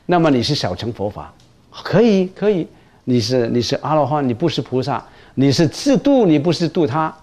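Man giving a buddhist dharma talk, kinda high voice, emphatic, keeps repeating himself. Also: sing-song, moderate pace, dark tone. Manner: emphatic, often repeats and restarts words. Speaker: Buddhist teacher lecturing on bodhisattva precepts.

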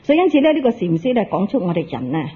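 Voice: medium pitch, big pitch swings, fast talker, mellow, breathy edge. A Buddhist teacher giving a Dharma talk, telling a Zen story, acting out its dialogue and putting questions to the audience. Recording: tinny, lo-fi phone-like recording.

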